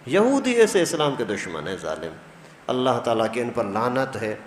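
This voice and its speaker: A man preaching a storytelling sermon who acts out the dialogue as he goes. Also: medium pitch. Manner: animated, acts out quoted dialogue. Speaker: preacher, mufti. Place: mosque hall. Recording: echoey mosque hall, faint noise.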